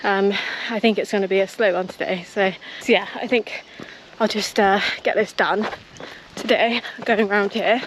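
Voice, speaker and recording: A woman's voice: medium pitch, steady tone, moderate pace. A British woman chatting casually to her vlog while out jogging on outdoor trails. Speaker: running vlogger. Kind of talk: casual vlog chat to camera. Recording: noisy outdoor ambience.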